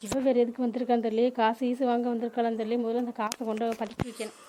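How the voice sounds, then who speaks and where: A woman's voice: on the high side, flat delivery, very fast, dark tone, a little hiss or hum, natural voice. A woman voicing a greedy, scheming wife, in a cartoon drama. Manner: scheming asides.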